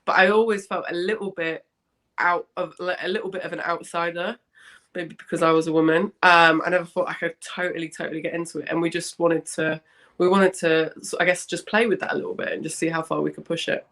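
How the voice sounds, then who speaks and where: Young woman interview guest, bit hoarse and smoky-raspy from a cough, chatty, keeps rephrasing herself. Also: on the low side, steady tone, a little fast, fairly bright tone. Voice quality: slightly husky, smoky rasp. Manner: chatty, rambling, self-correcting. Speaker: interview guest, founder of a women's football fan community. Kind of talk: casual interview chat.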